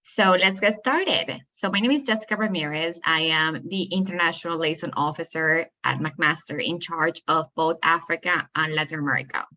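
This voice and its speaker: A woman's voice: sits low, normal speed, few pauses, bright, forceful tone, dull audio. A woman from Colombia giving a friendly, explanatory university presentation over a video call. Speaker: university admissions representative. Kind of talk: presentation to prospective students.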